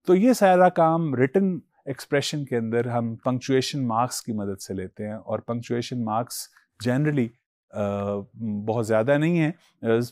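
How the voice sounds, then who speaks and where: A man's voice: mid-range voice, a little mellow, no echo. A male teacher giving a patient classroom lecture, moving his voice up and down as he explains.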